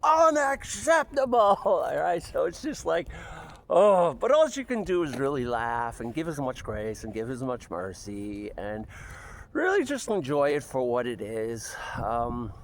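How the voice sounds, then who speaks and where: Man, hospital night-shift worker, telling a rambling story, lively pitch, chuckles throughout, faint noise behind. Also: measured pace, gravelly. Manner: rambling, laughs often, many fillers. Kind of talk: casual storytelling vlog. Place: outside on a work break.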